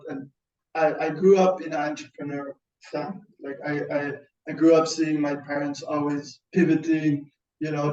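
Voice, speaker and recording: A man born in Iran and raised in Sweden tells his story in a webinar on a video call, halting and repeating words as he goes. His voice sits a little high and stays fairly flat. The sound is roomy and dull, as if he sits some way from the mic. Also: recorded from a distance, slight background noise. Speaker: founder presenting a webinar. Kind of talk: webinar talk.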